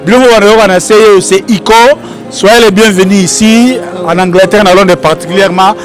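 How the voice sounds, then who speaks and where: A man's voice: sits high, fairly even intonation, a little fast. A man working as a reporter, running a chatty, playful street interview at a train station. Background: music.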